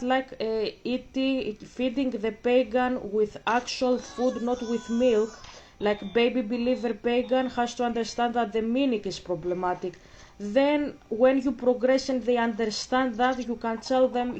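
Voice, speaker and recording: A woman's voice: a little high, a little mellow, muffled recording. A woman from Greece, talking casually on her own channel and thinking aloud, with frequent restarts and fillers. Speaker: vlogger. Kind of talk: casual chat.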